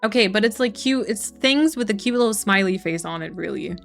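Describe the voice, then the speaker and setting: A young woman chats casually on a live stream at a mid-range pitch, reading viewers' messages aloud and answering them. Her talk is loose and full of "like" and "um". Soft music plays faintly underneath. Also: expressive, fairly quick, creaky. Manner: frequent fillers like "like" and "um". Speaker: streamer chatting with her chat.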